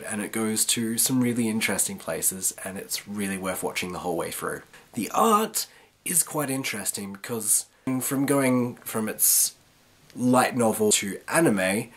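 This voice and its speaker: A woman presents a review in a hoarse, flu-roughened rasp. Her husky delivery swings widely in pitch as she talks through her points like a video host. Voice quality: raspy, rough voice from illness. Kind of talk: review to camera, semi-scripted.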